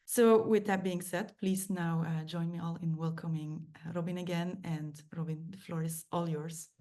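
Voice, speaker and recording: Woman host opening a webinar, lowish voice, chatty announcements. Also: fairly even intonation, moderate pace, dark tone. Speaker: host, project manager. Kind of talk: online lunch talk introduction.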